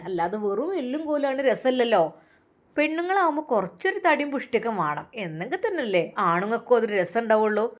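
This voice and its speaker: A woman's voice: fairly high pitch, natural voice. A woman voicing a kind, coaxing older mother in a dramatized story reading, speaking with a Malappuram Malayalam accent in a soothing, chatty way.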